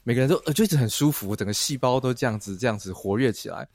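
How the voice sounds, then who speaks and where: A man with a Taiwanese accent hosting a podcast, telling stories in a lively casual chat and laughing often. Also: medium pitch, very fast, no room sound, studio quality. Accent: Taiwanese Mandarin. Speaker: podcast host.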